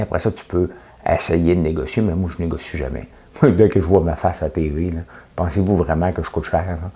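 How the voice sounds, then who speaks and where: A middle-aged man with a Québécois French accent talks straight to his audience in a loose, rambling monologue. His voice sits very low, and he keeps it chatty and sarcastic, poking fun at himself between points. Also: creaky, mellow. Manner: chatty, sarcastic, jokes at his own expense, frequent "tu sais". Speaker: host of a daily commentary show. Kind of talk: casual opinionated monologue.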